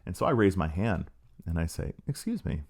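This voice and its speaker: With a deep voice and a slightly fast delivery, a middle-aged man hosts a podcast. He tells a story in a sardonic, laid-back monologue, voicing the quotes dramatically.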